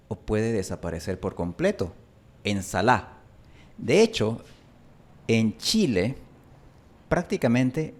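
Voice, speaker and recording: Slow, low-voiced male teacher. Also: a little mellow. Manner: deliberate, repeats example words slowly for demonstration. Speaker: Spanish pronunciation teacher and channel host. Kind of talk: phonetics lesson.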